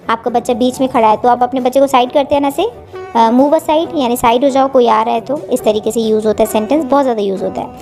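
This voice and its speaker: A woman teaching everyday phrases in Hindi, repeating each one slowly and clearly. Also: high voice, darkish tone. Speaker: English teacher. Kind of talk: Hindi-English vocabulary lesson.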